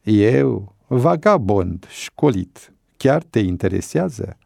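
A weary vagrant drawling slowly out of a dark cell corner, his words wry and fatalistic, as a man reads him. The voice is low and gravelly, dry and close to the mic. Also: sing-song, no room sound, heavily acted. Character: weary middle-aged male vagrant, educated, fatalistic.

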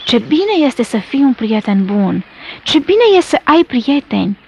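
A woman's voice: on the high side, big pitch swings, vocal fry, slight background noise. A woman voicing a joyful river in a storybook, exclaiming happily.

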